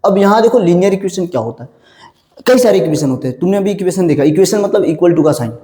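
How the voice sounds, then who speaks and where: A male maths teacher with a high, dark-toned voice and lively intonation talks fast in an echoey room with long reverb. Lecturing, he keeps asking questions and answering them himself, calling viewers children and brother.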